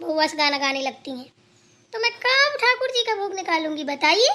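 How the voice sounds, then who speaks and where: A woman's voice: extremely high pitch, big pitch swings, moderate pace, pushed and bright, full character voice. A woman voicing a dutiful, chatty young daughter-in-law in a cartoon who explains herself at length. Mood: explaining. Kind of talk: cartoon voice acting.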